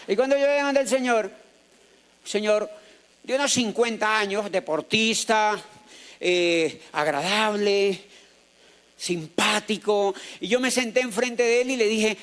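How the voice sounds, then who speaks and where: A Colombian man with a fairly high voice tells a story to a live audience in an auditorium. He talks as a motivational speaker, playful and animated, acting out the people in his story and joking with the crowd. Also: moderate pace, long pauses, clean tone. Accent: Colombian Spanish.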